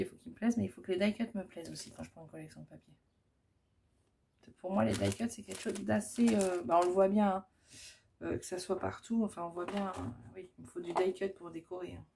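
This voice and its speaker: A woman's voice: medium pitch, creaky, mellow, a little hiss or hum. A woman chatting casually as she shows off her scrapbooking crafts, hesitant and full of fillers. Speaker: scrapbooking vlogger. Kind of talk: casual show-and-tell.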